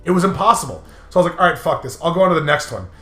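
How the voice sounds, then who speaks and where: The host of a gaming commentary video banters casually and tells gaming stories, sounding emphatic and exasperated. His slightly high voice is sing-song, very fast and fairly bright, recorded in a roomy space with music playing behind.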